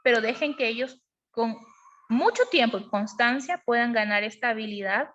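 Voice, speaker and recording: A high-pitched woman leads a parenting lesson. She explains patiently and keeps asking her listeners whether they follow. The sound is dull and lo-fi. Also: normal speed, fairly bright tone, slight background noise. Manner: explanatory, asks frequent checking questions. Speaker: parenting educator. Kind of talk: online class on emotional parenting.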